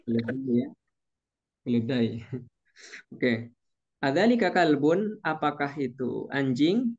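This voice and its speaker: A man teaches an online Arabic class and patiently stretches out each Arabic phrase. His voice has a middle pitch. The sound is muffled, like a lo-fi call. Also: sing-song, slow pace, a little mellow.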